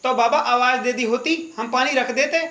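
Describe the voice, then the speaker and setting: An actor playing a grown son who is embarrassed and worried about the neighbors, speaking in a hushed, impatient, defensive way in an audio drama. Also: male voice, very high voice, fairly even intonation, normal speed. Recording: roomy voice over background music.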